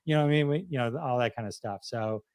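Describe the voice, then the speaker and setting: A man's voice: mid-range voice, fast, darkish tone, smooth, no room sound. A man talking as a podcast guest, explaining in a loose, rambling way with frequent restarts and easy laughter. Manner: rambling, self-correcting, laughs easily. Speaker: podcast guest, software founder. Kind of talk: casual conversational explaining.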